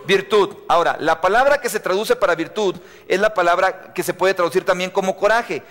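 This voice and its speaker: A man's voice: high voice, a little fast, a bit bright. A man preaching a live sermon to young people in a church, emphatic, repeating refrains and asking the audience questions. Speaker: youth preacher. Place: church sanctuary. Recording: long reverb of a church hall.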